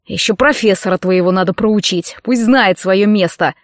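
A woman's voice: mid-range voice, moderate pace, no room sound, clean studio sound, close to an everyday voice. A woman voicing a brutal, jealous young male football player who growls and sneers. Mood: menacing.

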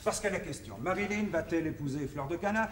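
Actor as high-voiced, excitable, scheming publicist man. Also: quick pace, close to an everyday voice. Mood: dramatic lecturing. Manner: theatrical, exasperated, emphatic, declamatory. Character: excitable, scheming, self-important male show-business publicist. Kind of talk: 1960s French film comedy acting. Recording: echoey, noisy old film soundtrack, distant.

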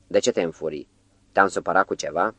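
A man voicing a calm, composed psychiatrist who speaks in a measured way, in an audiobook. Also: low-pitched, no room sound.

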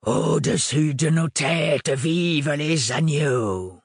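A man voicing a fiery rebel leader who gives a slow, booming speech in an audiobook. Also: gravelly, slightly rough, no echo, clean studio sound, exaggerated voice. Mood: rousing. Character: fiery male rebel leader, small but thundering. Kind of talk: audiobook reading.

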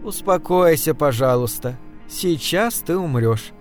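A man voicing a cold, composed lady who speaks with calm courtesy. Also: deep voice, unhurried, soft background music. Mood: coldly polite. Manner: politely soothing, coldly calm.

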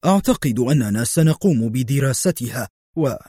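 A firm, commanding intelligence director speaks in a level, measured voice, as a male narrator reads him. The sound is dry and close, with no room around it. He gives orders briskly and expects to be obeyed. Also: mid-range voice, animated, warm tone, slightly rough, dry recording. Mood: stern. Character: stern middle-aged male intelligence director.

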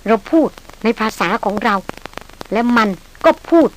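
A woman reading the lines of a young man who talks calmly and politely, reasoning things through. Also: fairly high pitch, measured pace, slight background noise. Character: young man, a composed hunter, polite to his lady. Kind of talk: audiobook character reading.

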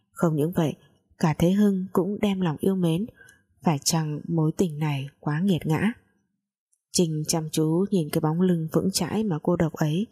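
A woman reads a scripted story aloud at a calm, measured pace. Her voice sits low and mellow. A soft, breathy huskiness runs through it.

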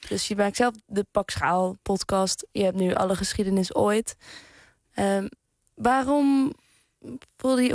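A woman's voice: mid-range voice, darkish tone, no room sound. A woman hosting a radio interview podcast, asking questions and keeping things moving with short affirmations. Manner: engaged, prompting with short affirmations.

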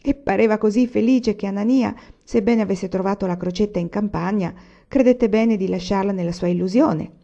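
Mellow woman reading a novel aloud. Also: mid-range voice. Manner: steady, measured reading. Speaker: audiobook reader. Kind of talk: literary audiobook narration. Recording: slightly dull lo-fi recording.

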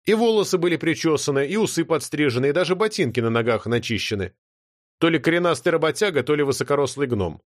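Lively, expressive male audiobook narrator. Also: a little high, fast, no room sound, clean studio sound.

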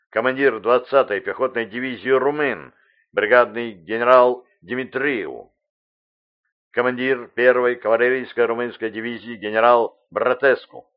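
A man reading a formal wartime radio bulletin in a slow, measured, solemn announcer's declamation. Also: mid-range voice, highs cut off.

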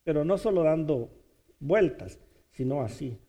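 A man preaching a sermon, building to loud, repeated appeals and stretching key words slowly. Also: on the high side, animated. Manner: preaching with rising, shouted repetitions and slow, drawn-out emphasis. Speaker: pastor.

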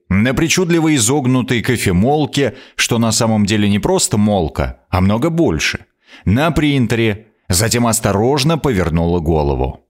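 A man narrating an audiobook in the first person, in an expressive, sardonic manner. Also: fairly low pitch.

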